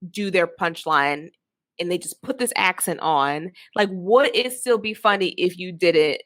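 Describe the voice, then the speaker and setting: Low-voiced woman, frank and rambling. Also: measured pace, a bit bright, dry recording. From Philadelphia. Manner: rambling, many "like" fillers, frank. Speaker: podcast co-host. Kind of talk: casual discussion.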